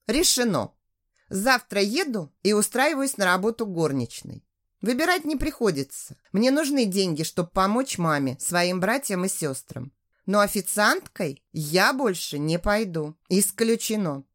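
A woman narrating a first-person audiobook in an expressive, lively reading. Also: medium pitch, unhurried.

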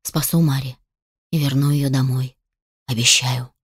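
A woman voicing a stern grown male necromancer lord in an audiobook, speaking cold, low and clipped. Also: moderate pace, no room sound, clean studio sound, natural voice. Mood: resolute. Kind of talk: audiobook character voice.

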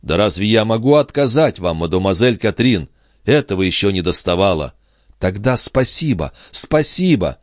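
A man's voice: on the low side, very animated, moderate pace, dry recording, studio quality. A man doing a flustered young farmhand. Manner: flustered, eager to please. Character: awkward earnest big-handed young farmhand.

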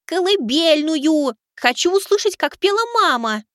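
Piping, very high child's voice, close and dry. A capricious little girl in a storybook, shrill and on the edge of tears, as a man puts her on. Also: expressive, a little slow, no echo, full character voice. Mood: demanding. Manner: shrill, tearful shouting.

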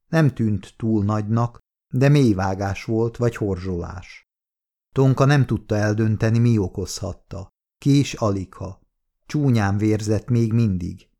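Guy reading an audiobook, kinda low voice, dark and mellow, steady pace. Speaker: audiobook narrator. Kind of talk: scripted audiobook narration.

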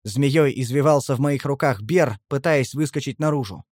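A man's voice: medium pitch, normal speed, darkish tone, no room sound, studio quality. A man giving a tense, driven first-person audiobook narration.

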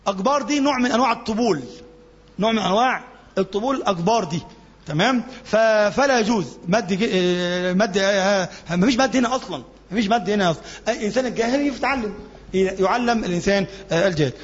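Fast-talking Egyptian sheikh teaching in a reverberant hall. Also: male voice, high-pitched. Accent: Egyptian Arabic. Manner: colloquial, asks the class questions and answers them, demonstrates chanting. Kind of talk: classroom religious lesson. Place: mosque classroom. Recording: dull lo-fi recording with long reverb.

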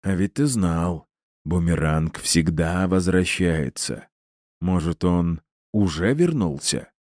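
A man's voice: sits low, expressive, slow pace, no echo, clean studio sound. A man voicing a gleeful, cruel male villain who taunts his captive in a theatrical, mocking way. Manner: mocking, theatrical, rising to shouts.

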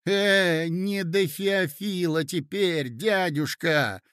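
A man's voice: high-pitched, very slow, a bit bright, clean tone, dry recording, studio quality, pitched above the performer's own voice, heavily acted. A man voicing a flustered young suitor who pleads urgently. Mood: pleading.

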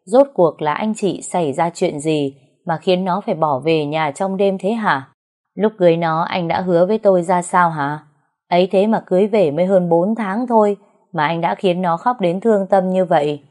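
A woman's voice: on the low side, warm tone, natural voice. Woman voicing a stern old father. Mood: reproachful. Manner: firm, scolding, slow and measured. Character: stern aging father, lecturing his daughter.

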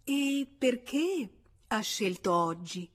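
A woman reading an audiobook, voicing a flustered refined married woman who stammers in a hushed, breathless way. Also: a little high, animated, slow, breathy edge, pitched above the performer's own voice, heavily acted.

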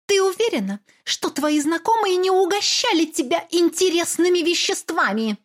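Lady doing a mad shrill mom in an audiobook, high and loud, yelling accusations. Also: lively intonation, normal speed. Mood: venomous. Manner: screaming, sarcastic, accusing. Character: furious middle-aged mother, shrill and venomous. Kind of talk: audiobook character voice.

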